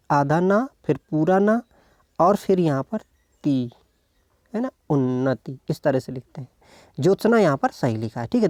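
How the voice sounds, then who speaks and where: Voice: medium pitch, warm tone, dry recording, studio quality. An exam-prep tutor giving an online lesson, patiently talking through each practice question, posing questions and then answering them. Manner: patient, talks through each answer and asks itself questions, keeps checking in with "ok".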